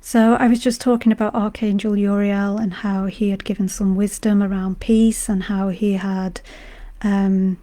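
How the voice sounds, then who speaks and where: A woman who is unwell, her voice going hoarse, chatting gently as host of a spiritual live stream and greeting viewers by name. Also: mid-range voice, little pitch movement, normal speed. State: hoarse from illness. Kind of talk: casual spiritual talk.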